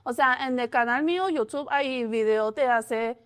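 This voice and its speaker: A Chinese statistician in her forties answers interview questions hesitantly, often restarting and filling gaps with "o sea." Her voice is fairly high, bright, clear and resonant, and she speaks a little slowly.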